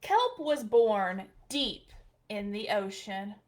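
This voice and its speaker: At bedtime, a woman who works as a children's librarian reads a picture book in a slow, medium-pitched voice, telling the story gently and expressively.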